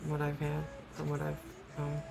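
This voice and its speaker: A woman with a rough, raspy smoker's voice gives a casual, rambling, self-deprecating hands-on tutorial as an amateur host. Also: sits low, completely flat delivery, moderate pace, over music. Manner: rambling, self-deprecating, loses train of thought.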